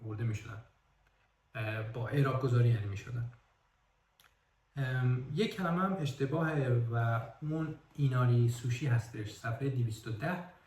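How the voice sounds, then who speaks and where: A man talks through a book review in a relaxed, unscripted way. He goes carefully, stopping to correct himself and sound out single words. He sits a little back from the mic, and his voice rings in a roomy space. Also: medium pitch, recorded from a distance. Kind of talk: casual spoken book review.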